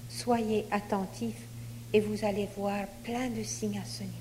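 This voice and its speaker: Female meditation guide, unhurried and measured, recorded in a very reverberant hall with faint noise. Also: medium pitch, little pitch movement, a little mellow. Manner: measured, instructing in short phrases. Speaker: leader of a spiritual group exercise.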